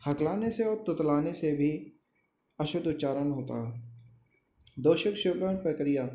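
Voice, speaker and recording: A man lecturing in a slightly high, mellow voice, taking his time over each example word. The room around him is echoey, with a faint hum of ambience behind. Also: muffled recording. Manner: slow, deliberate explaining with example words. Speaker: teacher. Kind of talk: lecture on pronunciation.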